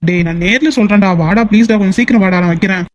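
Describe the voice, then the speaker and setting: In dull, lo-fi cartoon voice acting with slight background noise, a man with a high voice speaks rapid-fire, lightly acted. He plays a caring young man, an older brother figure, who reassures a friend and urgently asks for help.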